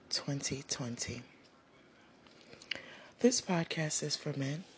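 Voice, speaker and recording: A middle-aged woman hosting her own podcast, talking to listeners in an earnest, unhurried motivational monologue with soft laughs and breathy asides. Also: low voice, a little hiss or hum. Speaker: podcast host.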